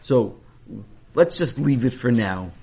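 A man voicing a calm, wise school principal rabbi who reassures a pupil. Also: medium pitch, takes it slowly, slightly rough, exaggerated voice. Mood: reassuring. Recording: dull lo-fi recording.

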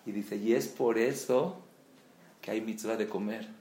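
A man, a religious teacher giving a storytelling sermon and acting out the quoted dialogue with lively shifts in voice. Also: measured pace. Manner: animated, acts out quoted dialogue with rising pitch. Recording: echoey room with faint background ambience.

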